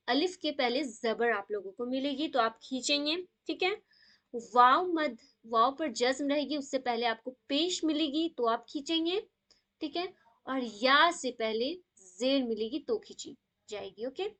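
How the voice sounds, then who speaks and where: A woman teaching tajweed to a live online class, her voice sitting high. She talks over a video call and keeps checking in with her students. She sprinkles English words into her explanations. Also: fairly bright tone. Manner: checks in often with "okay?", mixes English words.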